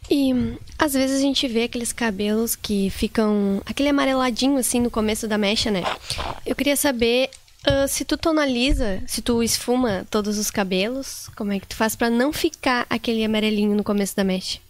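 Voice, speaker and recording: A woman's voice: a little high, fairly quick. A woman interviewer asking a hairdresser questions about blonde toning in a live Q&A.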